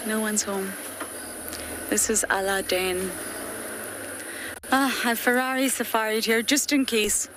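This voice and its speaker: This Scottish safari guide speaks slowly, with long pauses, in a fairly high voice and fairly even intonation. She has a Scottish accent and chats earnestly to viewers during a live game drive in an open vehicle in the bush at dusk. The recording carries bush sounds and vehicle noise.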